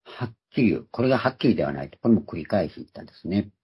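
A man's voice: deep voice, big pitch swings, rapid-fire, breathy edge. A man giving a Bible teaching sermon, explaining terms one by one and repeating key words for emphasis. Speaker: preacher. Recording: dull lo-fi recording.

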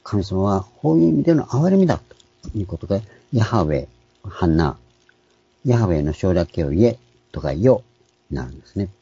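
A man, a pastor, giving a calm, explanatory sermon with frequent pauses and fillers. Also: deep voice, vocal fry, husky, no echo, highs cut off. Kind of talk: sermon on scripture names.

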